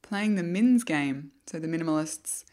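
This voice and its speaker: A woman talks as a podcast host in a casual, chatty way. Her voice sits low for a woman. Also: animated, normal speed, a little mellow. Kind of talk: casual chat.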